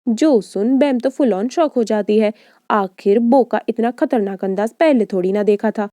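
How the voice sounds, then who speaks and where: A woman's voice: a little high, normal speed, mellow, no echo. A woman narrating a romance drama recap in a chatty storytelling way, as a close-miked voice-over. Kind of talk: scripted narration.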